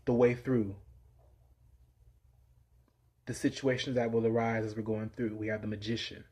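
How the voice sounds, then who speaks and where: A man's voice: level tone, fairly quick. Meditative man giving a tarot reading. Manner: meditative, repeats phrases, drops to low quiet voice. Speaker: tarot reader.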